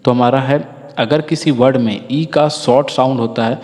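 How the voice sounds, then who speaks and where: A man gives a patient classroom-style phonics lesson. He drills through word lists and often asks listeners to repeat after him. His voice sits at an ordinary pitch, and it rings with a long reverb as if he were recording in a big hall. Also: steady tone, moderate pace, darkish tone. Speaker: English teacher.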